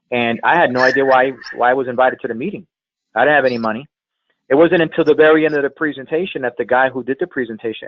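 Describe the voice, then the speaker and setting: This guest speaker, a sales trainer, has a mid-range male voice and delivers a motivational sales coaching talk on a conference call. He's emphatic and leans on repeated phrases for effect. The recording is dry, picked up by a telephone on a thin, band-limited conference line.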